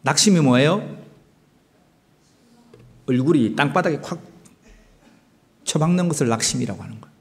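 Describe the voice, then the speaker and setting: A man's voice: fairly high pitch, expressive, moderate pace, long pauses. A male pastor with a Gyeongsang Korean accent, delivering a sermon and asking the congregation rhetorical questions.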